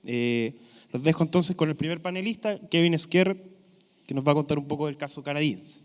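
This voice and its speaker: A man's voice: a little high, brisk. A man with a Chilean accent moderating a conference panel, introducing speakers and often adding short tag questions. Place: large echoing conference room. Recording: reverberant conference hall.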